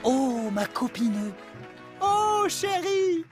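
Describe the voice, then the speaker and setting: A woman voicing two chirpy female cartoon letters who are best friends, speaking in a sing-song, drawn-out, affectionate way. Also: extremely high pitch, big pitch swings, faint music behind, full character voice. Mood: sweet, gushing. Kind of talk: cartoon voice acting.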